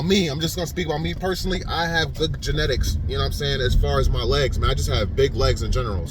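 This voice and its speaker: A man's voice: a little high, background noise. A man in his thirties talking casually straight to his viewers in a vlog, repeating himself and calling them "man". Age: 30s. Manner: informal, repetitive, addresses viewers as "man". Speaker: vlogger.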